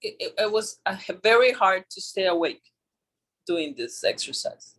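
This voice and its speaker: A participant in an online class talks in a halting way, repeating words and starting sentences over. The voice sits in a middle register and comes through a video call. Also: mid-range voice, animated, a bit bright, breathy edge. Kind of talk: sharing feedback in an online class.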